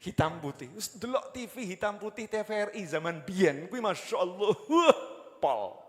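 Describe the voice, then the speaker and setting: A man with a Javanese accent preaching a sermon, swinging between loud exhortation and low joking asides. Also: big-room sound.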